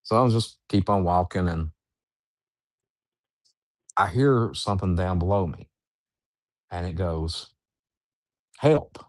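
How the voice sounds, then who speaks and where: A very deep-voiced man recounts an eerie encounter in a slow, halting way, often restarting his sentences. The sound is close and dry, with no room around it. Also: dry recording. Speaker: guest, Bigfoot researcher. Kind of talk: storytelling in an interview.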